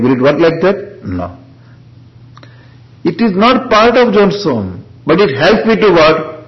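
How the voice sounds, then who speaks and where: Indian guy teaching scripture, highish voice that swings up and down a lot, keeps checking with little questions, dull lofi recording. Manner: teacherly, punctuates explanations with short check questions. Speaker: spiritual teacher of Vedanta scripture. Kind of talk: informal scripture lecture with Sanskrit chanting and commentary.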